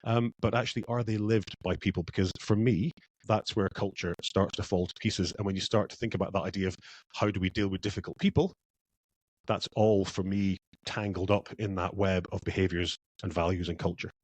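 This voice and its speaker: Man, lowish voice, dry close mic, reflective interview guest. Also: fairly even intonation, brisk, dry recording. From Scotland. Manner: reflective, repeats words as he thinks. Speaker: guest, culture consultant. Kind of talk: podcast interview.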